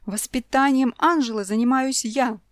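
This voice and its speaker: Woman doing a dad who spoils his kid and snaps, stern, raised voice, a bit high. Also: moderate pace, no room sound, clean studio sound, lightly acted. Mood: angry. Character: doting, hot-tempered father.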